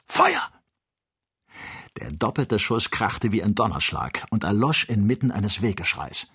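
A man reading an adventure novel aloud as an audiobook narrator, in an even, measured storytelling manner. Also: lowish voice, breathy edge. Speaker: audiobook reader. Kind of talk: scripted narration.

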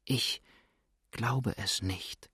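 A man reading the part of a frightened, grieving young woman in an audiobook, speaking softly and anxiously. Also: mid-range voice, normal speed, no echo, clean studio sound, natural voice. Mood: hushed. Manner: soft, anxious and hushed.

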